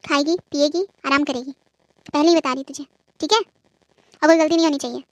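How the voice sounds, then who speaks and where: A woman's voice: high-pitched, steady tone, normal speed, no echo, low-quality recording. A woman voicing a proud, scolding middle-aged mother-in-law in a cartoon who later apologizes. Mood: bossy. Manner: bossy and loud, then apologetic. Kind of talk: cartoon voice acting.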